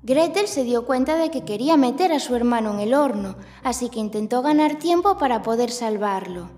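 High-voiced woman, kids show host telling stories. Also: expressive, fairly quick, a little mellow, long reverb tail. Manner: kids show host, addressing children directly. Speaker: children's story host and narrator. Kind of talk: scripted children's storytelling. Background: music.

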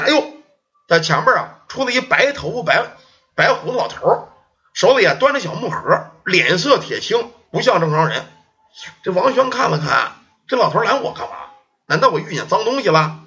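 A man's voice: high-pitched, sharp tone, dull audio. A man telling a folk ghost story in a colloquial, rhythmic style.

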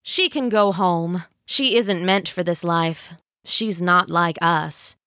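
A woman voicing a shrewd, regal old villainess in armor who speaks slowly and commandingly. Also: on the low side, pushed and bright, no room sound, clean studio sound, heavily acted. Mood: gloating. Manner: slow, gloating, commanding.

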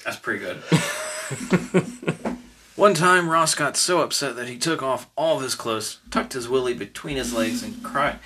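A man's voice: medium pitch, unhurried, long pauses, bright, forceful tone, slight background noise. A man chatting casually over a card game, reading cards aloud and laughing often.

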